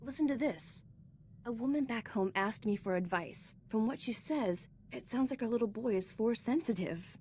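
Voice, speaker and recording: A woman's voice: on the high side, expressive, moderate pace, darkish tone, slight background noise, natural voice. Earnest young warrior woman played by an actress. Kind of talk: video game voice acting.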